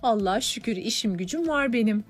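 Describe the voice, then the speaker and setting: A frank, talkative hairdresser with a raised, lively voice, voiced by a woman narrator. Storybook reading with faint music under it. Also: fairly high pitch, fairly quick. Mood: chatty.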